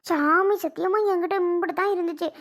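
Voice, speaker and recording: A woman's voice: very high-pitched, steady tone, fast, a bit bright. A woman voicing a stingy, scolded old mother-in-law who whines and pleads in a family skit. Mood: whining. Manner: whiny, pleading.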